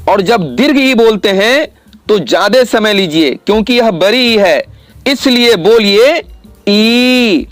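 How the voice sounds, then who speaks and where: Male teacher, high voice, unhurried delivery that models each sound for young pupils. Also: no echo. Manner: slow, careful explanation with drawn-out vowel sounds. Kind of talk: classroom lesson to children.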